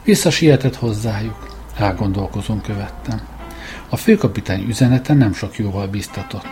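A man giving a measured, scripted first-person narration of a story as an audiobook reader. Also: on the low side, music in the background.

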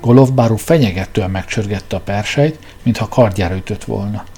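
A man narrating a humorous novel in a measured, expressive storytelling manner. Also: on the low side, slightly rough, soft background music. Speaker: audiobook narrator.

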